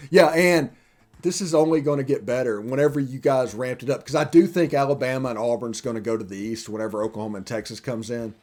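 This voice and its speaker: Guy hosting a sports podcast, mid-pitched, jokey, rambles on in long run-on bits. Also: fast, darkish tone. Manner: chatty, joking, loose run-on sentences. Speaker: podcast host. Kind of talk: casual sports podcast chat.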